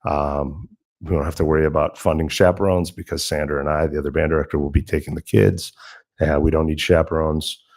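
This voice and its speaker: A man's voice: extremely low pitch, fairly even intonation, fairly quick, darkish tone. A man, a school band director, informally presenting to a board in a folksy, conversational way.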